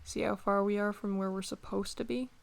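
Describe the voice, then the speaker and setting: A prickly, bossy young woman played by an actress in an ASMR role-play audio drama. Her voice sits at a middling pitch with plenty of vocal fry. She talks conversationally and grumbles, grudgingly caring beneath the bossiness. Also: fairly even intonation, a little fast, lightly acted. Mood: reluctant, grumbling.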